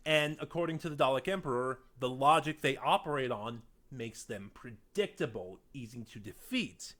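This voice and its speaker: Here a man with a medium-pitched, animated voice talks through his reviews of audio dramas off the cuff. He halts often, stresses certain points, and drops into quieter asides that trail away.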